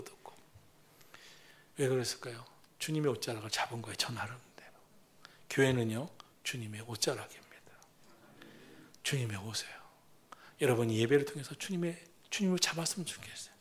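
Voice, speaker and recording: A man preaching a sermon as senior pastor, rising to loud proclamations and dropping to hushed, near-whispered lines. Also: mid-range voice, fairly quick, pauses often.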